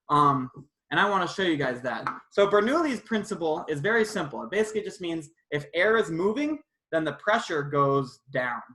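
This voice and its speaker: In a pushed, bright mid-range voice, an informal science presenter jokes with children over a live online video call. The demonstration takes place in a spacious indoor room, so the recording carries a roomy echo.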